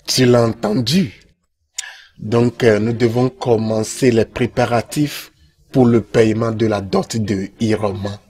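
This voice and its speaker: Man voicing a slow, authoritative king. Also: mid-range voice, fairly even intonation, darkish tone, breathy edge. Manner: measured, authoritative. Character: measured, authoritative king arranging his son's marriage. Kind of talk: dubbed film acting.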